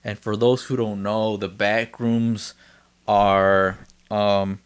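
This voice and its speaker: A man's voice: on the low side, flat delivery, slow, clean tone. A man hosting a casual, laid-back podcast, chatting and joking with a friend and swearing freely. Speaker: podcast host. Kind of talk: casual chat.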